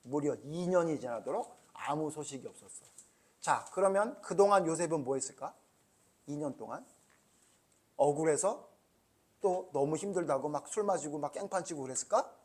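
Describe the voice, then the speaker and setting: A man's voice: a little high, normal speed, a little mellow. A man preaching a children's Sunday school sermon, talking casually and asking the children lots of questions. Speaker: pastor.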